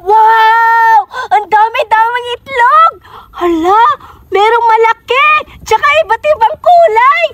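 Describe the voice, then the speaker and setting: A woman voicing an excitable young girl in a cartoon who keeps exclaiming. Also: extremely high pitch, slow pace, exaggerated voice. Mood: excited. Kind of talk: cartoon voice acting.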